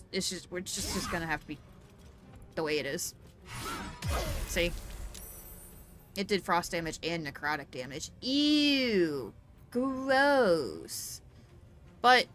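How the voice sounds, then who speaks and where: Her voice is on the low side and a bit bright. A woman streams a game with casual let's-play commentary, explaining how things work and breaking into playful outbursts along the way.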